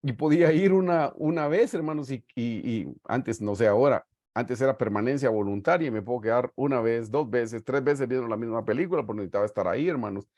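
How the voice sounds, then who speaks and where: A middle-aged Guatemalan man leads a Bible study over a video call, preaching earnestly and often addressing his listeners as "hermanos," or brothers. His storytelling is warm and pastoral. His voice is medium-pitched and fairly quick with hardly any pauses, and the recording is dry.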